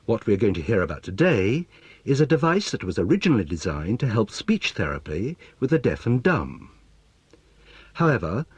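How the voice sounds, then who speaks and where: A man introducing an educational radio segment with a very animated, rising and falling delivery. His voice has a slightly husky edge. The recording is close and dry, with no room sound. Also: medium pitch, no echo. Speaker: presenter. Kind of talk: scripted radio report.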